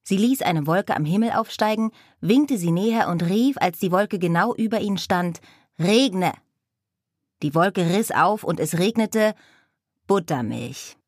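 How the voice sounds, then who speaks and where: A woman reading a children's storybook aloud in a calm, even storytelling manner. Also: mid-range voice, normal speed, hardly any pauses, no echo, studio quality. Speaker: audiobook reader. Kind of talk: storybook narration.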